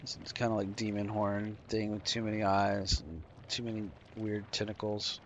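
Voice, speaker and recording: A fatigued man gives relaxed commentary as he plays a game on stream, yawning and explaining each step. His voice is on the low side, his speed normal, and he uses a desk microphone.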